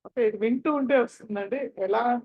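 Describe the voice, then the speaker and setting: A woman's voice: a little high, normal speed, narrow, tinny audio. A woman teaching chant recitation, patiently spelling out syllables one by one and repeating words for her students to copy. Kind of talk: chanting pronunciation lesson.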